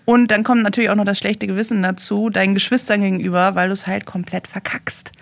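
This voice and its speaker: A young woman speaking as a guest, telling a personal story in a halting way and searching for words. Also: mid-range voice, gravelly, no room sound, clean studio sound.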